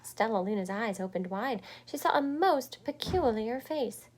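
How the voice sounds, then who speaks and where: A woman reads a picture book aloud for children. Her voice is fairly high and very lively in melody. She takes her time, shaping each line with expression. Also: measured pace, rough recording. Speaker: storybook reader.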